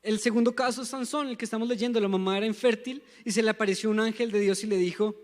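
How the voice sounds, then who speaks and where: A man's voice: high-pitched, steady tone, quick pace. A young man from Colombia with a Bogotá accent preaching a sermon, emphatic and calling on the congregation to repeat after him. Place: church sanctuary. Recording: long church hall reverb.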